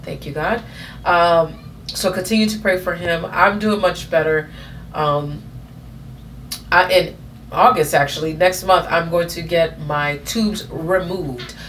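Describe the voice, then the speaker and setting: A woman's voice: on the low side, steady tone, slow pace, fairly bright tone, a little hiss or hum. A woman in her thirties telling a personal story in a casual vlog, rambling with many fillers and self-corrections. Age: 30s. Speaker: vlogger.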